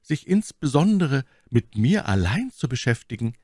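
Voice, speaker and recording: A man voicing a proud, cunning noblewoman in a high, haughty falsetto, in a dry audiobook reading. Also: big pitch swings, moderate pace, mellow, breathy edge, dry recording. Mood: haughty, probing. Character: proud, cunning noblewoman captive, imperious and suspicious.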